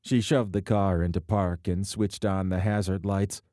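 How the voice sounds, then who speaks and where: A man reading a romance novel aloud as narrator, steady and even, close to the mic. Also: sits low, unhurried, dry recording. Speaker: audiobook narrator. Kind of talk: scripted narration.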